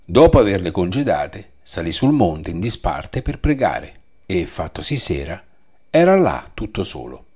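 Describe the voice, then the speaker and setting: A man teaching a Bible study, reading scripture aloud and explaining it in a measured way that repeats the references. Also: low voice, very animated, darkish tone, slightly rough.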